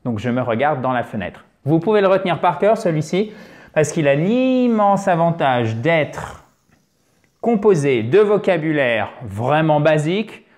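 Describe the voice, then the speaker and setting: Lively French-speaking male English teacher. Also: on the high side, measured pace. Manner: lively, emphatic, addresses viewers as dear friends. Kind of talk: video language lesson.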